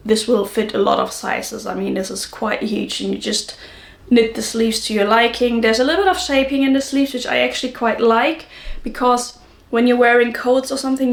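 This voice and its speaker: Still hoarse from a cold that hasn't quite cleared, this woman hosts a knitting podcast, wandering informally through solo talk and correcting herself often. Her slightly high voice carries vocal fry, and the room echoes.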